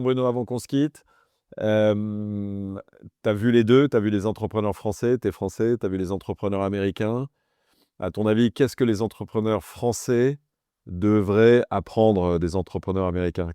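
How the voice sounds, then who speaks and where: A man's voice: on the low side, warm tone, smooth, dry recording, studio quality. A man hosting an interview podcast, speaking with enthusiasm and slipping English words into his questions. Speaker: podcast host.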